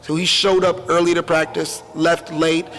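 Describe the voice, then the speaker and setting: Male interview guest, animated and sermon-like, high voice, reverberant hall. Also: moderate pace, a little hiss or hum. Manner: animated, preachy, repeats phrases for emphasis. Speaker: guest, record producer. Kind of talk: casual interview chat.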